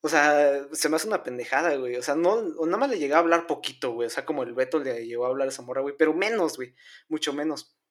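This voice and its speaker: A young man with a Mexican Spanish accent tells a story in a relaxed, chatty way. His voice sits a little high, and he fills it with slang and self-mockery. He keeps dropping filler words as he talks. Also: fast. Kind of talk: casual storytelling chat.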